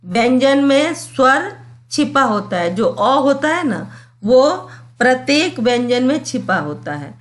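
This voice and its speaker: A woman teaching a grammar lesson to schoolchildren, sounding out letters slowly and checking that the class follows. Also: high voice, sing-song. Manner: slow and explanatory, checks understanding with "clear?" and "theek hai".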